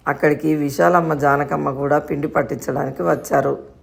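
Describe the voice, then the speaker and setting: A woman reading a scripted audio story in a steady, emotive way. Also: low-pitched, brisk, creaky.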